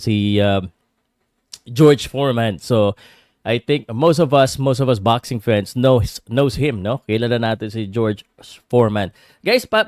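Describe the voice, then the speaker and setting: A man with a Filipino accent and a clear, smooth voice hosts a sports livestream in a casual, chatty style. He sits at an ordinary male pitch in a dry-sounding space, hesitating often as he slips between English and Tagalog. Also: a little mellow, no echo. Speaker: livestream host and boxing commentator. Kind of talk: casual livestream chat with viewers.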